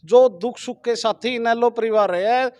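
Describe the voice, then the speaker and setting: A man's voice: extremely high pitch, steady tone, normal speed, a little mellow, no room sound. A man from Haryana, answering a street political interview in an emphatic, insistent way. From Haryana, India. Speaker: villager interviewed about an election.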